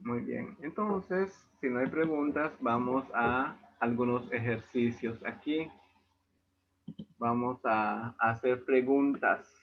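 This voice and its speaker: A man with a Yucatecan Spanish accent teaching a language class over a video call, explaining patiently. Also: mid-range voice. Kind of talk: online class lesson. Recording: tinny video-call audio.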